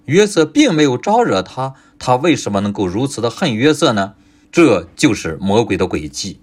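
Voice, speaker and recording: A man's voice: mid-range voice, sing-song, moderate pace, slightly rough. A man preaching a sermon in an emphatic style, with rhetorical questions and a voice that keeps rising and falling.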